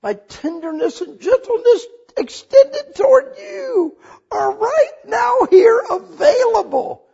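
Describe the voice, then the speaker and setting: A man's voice: very high voice, big pitch swings, slow pace, creaky, mellow, pitched above the performer's own voice, full character voice. A man voicing God as an overjoyed, tender fatherly figure, exclaiming eagerly in a dull lo-fi recording.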